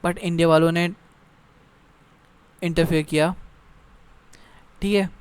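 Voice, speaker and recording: A young man giving an exam-prep lecture, his voice smooth and clear and pitched a little high. He reads passages out slowly, then breaks them down in easy, conversational explanation. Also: steady tone. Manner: reads English text slowly, then explains casually with frequent "theek hai". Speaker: teacher. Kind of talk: exam-prep lecture in Hindi mixed with English.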